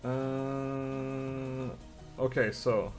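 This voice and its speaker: A man's voice: medium pitch, flat delivery, drawn-out words, soft background music. A young man from Sweden with a Swedish accent, chatting casually with viewers and muttering to himself while he codes a game on a live stream.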